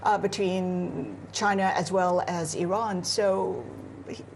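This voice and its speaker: Her voice sits on the low side, gravelly and fairly even in intonation, and she takes her time against a noisy background. She is a news anchor from Singapore, on location in Beijing, analyzing world affairs in a live broadcast discussion. The delivery is fluent and analytical, packed with frequent "you know" fillers.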